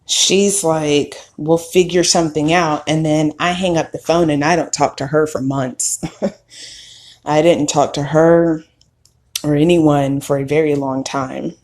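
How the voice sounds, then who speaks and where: A woman in her thirties speaks slowly and thoughtfully, her voice sitting a little low. She tells a personal story in an unhurried, candid podcast monologue. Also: fairly even intonation. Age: 30s. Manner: slow, reflective, candid with occasional soft laughs. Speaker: podcast host.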